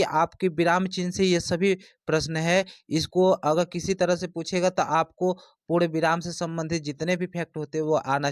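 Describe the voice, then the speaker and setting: A man's voice: on the high side, no room sound, clean studio sound. A man teaching an exam-prep lesson, explaining step by step and repeating his points.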